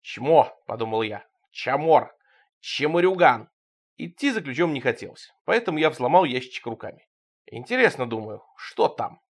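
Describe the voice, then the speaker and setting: Lively man reading a surreal story. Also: a little fast. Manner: animated, swings between loud outbursts and low asides. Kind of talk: expressive literary reading.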